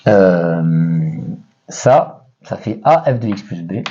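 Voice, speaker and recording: A man's voice: sits low, expressive, takes it slowly, warm tone, highs cut off, a little hiss or hum. A man with a French accent teaching a math lesson in a casual way, thinking aloud with many fillers and often checking that his listeners follow.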